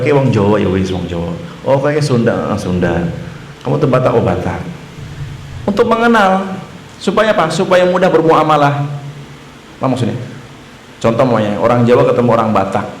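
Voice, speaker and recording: Male ustadz, mid-pitched, conversational mosque lecture, roomy echo and faint hum behind. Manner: conversational, asks the audience rhetorical questions. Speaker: ustadz teaching a mosque study circle. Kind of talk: casual Islamic study lecture. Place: mosque hall. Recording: echoey mosque room, faint ambience.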